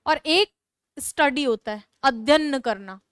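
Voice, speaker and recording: Brief: woman grammar teacher, high-pitched, dry close sound, repeats points with emphasis while dictating. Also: slow pace, fairly bright tone, dry recording. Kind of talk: classroom lesson explaining grammar.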